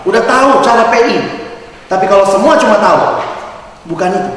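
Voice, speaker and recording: A man's voice: sits high, a little fast, a bit bright, a little hiss or hum. A man giving a sermon to students, telling stories and acting out the dialogue with humor. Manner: storytelling, acts out dialogue, humorous. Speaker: campus ministry speaker. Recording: echoey hall, from far off.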